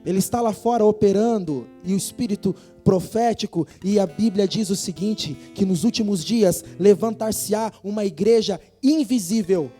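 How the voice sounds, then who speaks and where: A man with a Brazilian Portuguese accent preaching a sermon in a church, earnest and building to forceful emphasis. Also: sits high, normal speed, hardly any pauses, soft background music. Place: church hall.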